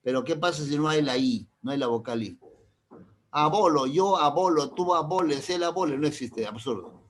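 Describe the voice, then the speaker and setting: During a classroom grammar lesson, a middle-aged language teacher speaks in a mid-range voice. He often checks whether the class understands through quick questions and relies on playful, teasing examples.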